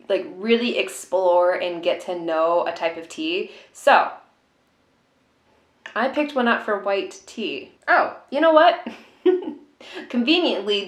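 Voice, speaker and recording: A woman talks casually to her viewers as a vlogger showing what she bought. Her voice sits at a middle pitch. She rambles and muses informally, feeling for her words, and the room around her sounds noticeably echoey. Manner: informal, rambling, hesitant musing. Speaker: tea vlogger. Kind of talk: casual unboxing chat.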